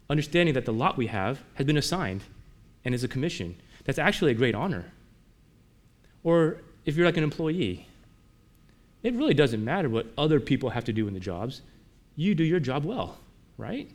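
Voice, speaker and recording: A male pastor delivering a sermon at a middle pitch. He talks to the congregation like a conversation, with frequent rhetorical questions. His delivery swings between emphatic pushes and softer, quieter passages. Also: very animated, brisk.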